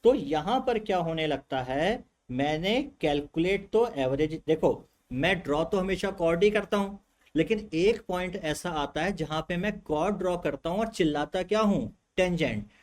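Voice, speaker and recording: Lively male physics teacher, slightly high. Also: moderate pace. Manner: animated, acts out student voices, asks rhetorical questions. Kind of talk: classroom lecture.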